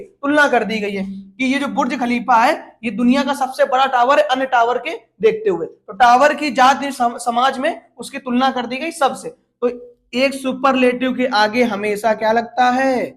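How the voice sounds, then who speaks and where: A woman teaching English grammar in Hindi, explaining each step and asking questions that she answers herself, reading example sentences slowly word by word. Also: sits high. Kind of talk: Hindi-language grammar lesson.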